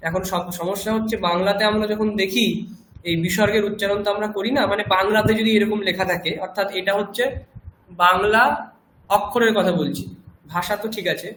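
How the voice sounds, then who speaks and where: A man teaching a Sanskrit lesson in Bengali-accented speech, patiently explaining pronunciation and slowly repeating words for students to copy. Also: sits high, steady tone, a bit bright. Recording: echoey room with faint background noise.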